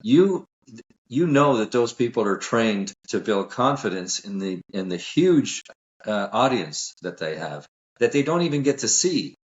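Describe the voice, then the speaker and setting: A man's voice: fairly low pitch, very animated, measured pace, echoey room, dull audio. A man who works as a sales coach, speaking as a guest on a podcast interview in an emphatic, self-assured, lecturing way.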